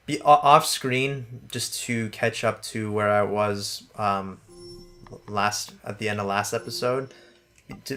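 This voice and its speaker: A man's voice: lowish voice, sharp tone. A man co-hosting a let's play, chatting casually about the game. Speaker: gaming show co-host.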